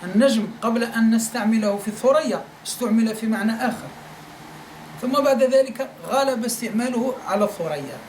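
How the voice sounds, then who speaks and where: A man's voice: extremely high pitch, lively intonation, a little fast, a little mellow. Man teaching in an echoey room. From Algeria. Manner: repeats points, keeps asking listeners if they follow. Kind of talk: classroom lecture. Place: study circle room. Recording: echoey room, faint noise.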